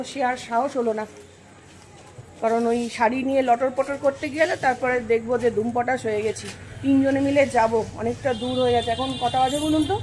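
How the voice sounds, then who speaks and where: Chatty high-voiced woman vlogging. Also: a little mellow, a little hiss or hum, low-quality recording. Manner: chatty, addresses viewers directly with questions. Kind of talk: casual vlog narration.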